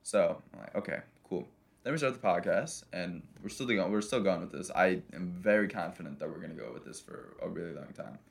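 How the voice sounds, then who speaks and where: A man's voice: deep voice, brisk, vocal fry, few pauses. A young adult man co-hosting a casual podcast in a garage, talking in an informal, bro-ish way. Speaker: podcast co-host.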